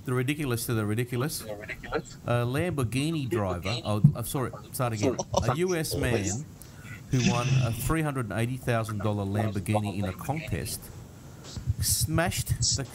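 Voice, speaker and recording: A man co-hosting a casual podcast, blunt and mocking as he chats. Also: mid-range voice. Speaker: podcast co-host. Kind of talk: casual chat. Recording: noisy studio recording.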